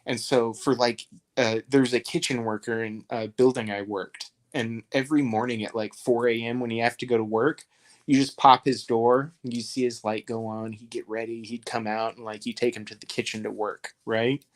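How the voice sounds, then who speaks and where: A man chats as a podcast guest, winding through stories loosely and full of filler words. His pitch sits in a middle range. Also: level tone, normal speed. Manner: rambling storyteller, acts out voices in anecdotes. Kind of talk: casual chat.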